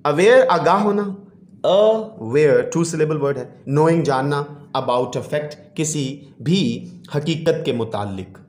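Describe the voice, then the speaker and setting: A man with a fairly high voice leads a classroom English lesson. He reads each English line slowly, then explains it briskly, often asking "जी". The sound is echoey and roomy. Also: expressive. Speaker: teacher. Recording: echoey room.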